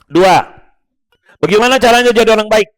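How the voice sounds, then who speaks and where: A man's voice: high-pitched, brisk. A man giving a humorous religious motivational talk, joking with his audience and coaching them one by one. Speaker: motivational speaker.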